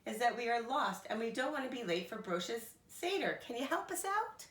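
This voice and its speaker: A woman voicing a big yellow bird in a children's storybook, friendly, naive and curious, speaking with simple-hearted emphasis. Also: fairly high pitch, animated, moderate pace, reverberant, far from the mic, pitched above the performer's own voice. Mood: friendly, explaining.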